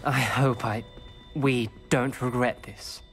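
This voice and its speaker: An actor playing a reserved, cautious young wizard student in video game dialogue. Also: male voice, mid-range voice, steady tone, a bit bright. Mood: guarded. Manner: measured, cautious, solemn. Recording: game audio with faint music.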